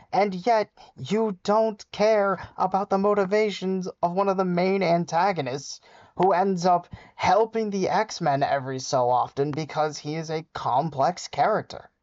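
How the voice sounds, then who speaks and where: A man's voice: sits high, unhurried, a little mellow, no room sound, lo-fi sound. A man giving sarcastic, scolding reaction commentary as a video host. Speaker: commentary YouTuber.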